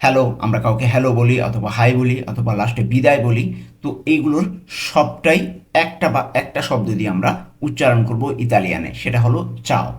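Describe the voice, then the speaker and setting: A young man teaching a beginner language lesson, patient and repetitive, slowing down to spell out each new word. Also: mid-range voice.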